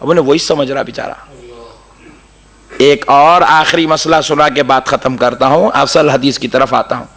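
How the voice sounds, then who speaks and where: A man preaching a sermon. He tells stories in a lively way, calls out to the congregation, and breaks into melodic chanted recitation. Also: medium pitch, moderate pace.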